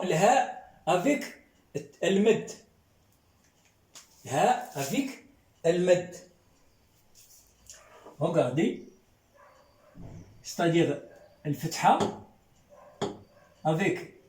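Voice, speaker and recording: Slow, patient man teaching letters. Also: high-pitched, darkish tone, distant mic. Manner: patient, repeats words, checks with "hein?" and "d'accord?". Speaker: Arabic literacy teacher. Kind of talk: slow classroom lesson. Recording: echoey room, voice off-mic.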